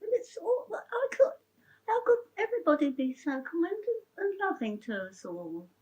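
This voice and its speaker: Chatty, heartfelt older woman with a high voice. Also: wildly swooping pitch, moderate pace, a little mellow, poor audio. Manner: chatty, rambling, with frequent restarts; emotional and heartfelt. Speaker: interviewee sharing her story. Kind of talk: personal storytelling interview.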